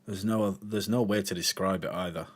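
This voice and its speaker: A man's voice: low-pitched, steady tone, normal speed. A man hosting a reaction video, talking casually and emotionally, sighing, swearing and searching for words.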